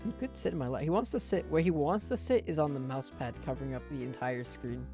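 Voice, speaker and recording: A woman's voice: deep voice, quick pace, warm tone, soft background music. A woman streamer chatting casually and laid-back while playing a game. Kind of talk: casual chat while gaming.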